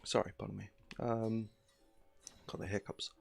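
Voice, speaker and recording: Male streamer, 30s, deep with vocal fry; loose, filler-heavy, relaxed chat at a home desk mic. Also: unhurried, soft background music. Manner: rambling, filler-heavy, easygoing. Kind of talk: casual gameplay commentary.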